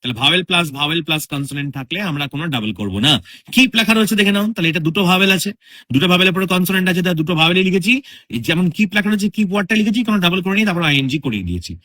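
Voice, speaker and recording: Fast, bright-voiced male English tutor. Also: high voice, lively intonation. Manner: explains step by step, repeats rules, checks understanding. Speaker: English teacher. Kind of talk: spoken English grammar lesson in Bengali.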